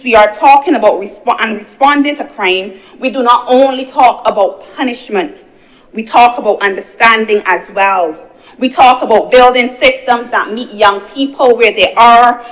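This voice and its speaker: A young senator from Barbados, a woman in early adulthood, speaks earnestly in the senate chamber with a fairly high-pitched voice. She uses repeated phrases to build her argument, captured on a low-quality recording.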